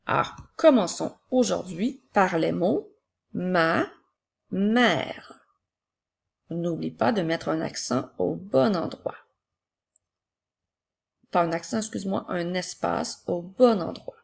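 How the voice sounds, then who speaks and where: Slow, gravelly-voiced woman teacher dictating. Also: fairly low pitch. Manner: slow, clear dictation, repeating each word. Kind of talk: spelling and dictation lesson for young children.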